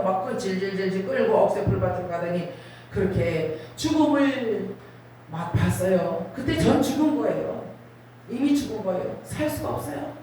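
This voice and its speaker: A woman's voice: fairly high pitch, darkish tone, slight background noise. A middle-aged woman preaching a personal testimony at a revival, telling her story with emotional, dramatic swells. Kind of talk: sermon testimony. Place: large prayer retreat hall. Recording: very echoey hall, voice from far off.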